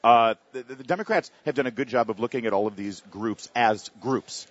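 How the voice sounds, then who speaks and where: A man on a political panel, pressing his point with rapid, repeated questions. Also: medium pitch, dry recording. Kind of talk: panel discussion. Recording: dull lo-fi sound.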